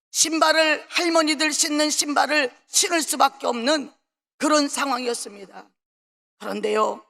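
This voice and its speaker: Fervent woman preacher with a gravelly voice. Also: sits high. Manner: fervent, swings between soft and loud. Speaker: pastor. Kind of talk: testimony sermon. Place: large prayer hall. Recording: long reverb of a large prayer hall.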